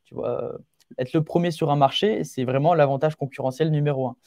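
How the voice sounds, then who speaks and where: A podcast guest, an eighteen-year-old entrepreneur, speaks fairly quickly in a mellow voice on the high side. He gives advice in earnest, informal, emphatic interview answers that often repeat key phrases, recorded at studio quality without echo.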